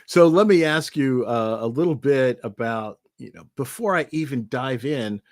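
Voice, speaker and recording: A man's voice: medium pitch, moderate pace, dry recording. Man, podcast host, enthusiastic, chatty, restarts a lot, dry close mic. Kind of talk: conversational interview.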